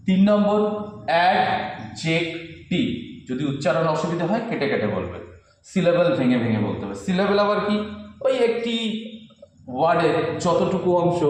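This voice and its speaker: A man teaching a classroom English grammar lesson, repeating each term and asking quick check-up questions while writing on a board. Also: high voice, darkish tone, a little hiss or hum. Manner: repetitive, reassuring, quizzes listeners with quick questions. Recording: very echoey room.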